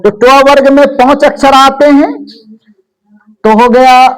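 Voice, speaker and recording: A woman's voice: high voice, fairly even intonation, unhurried, poor audio. A woman teaching a grammar lesson, repeating each term and asking and answering her own questions. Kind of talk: classroom lesson.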